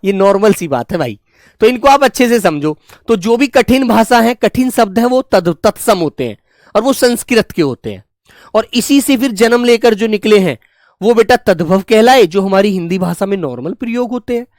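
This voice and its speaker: A male teacher giving an exam-prep grammar lecture with a high voice. He talks to his students fondly and keeps checking whether they are following. The sound is dry and close. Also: animated, moderate pace, darkish tone, dry recording. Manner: fond, coaxing, keeps asking "right?" and calling students child.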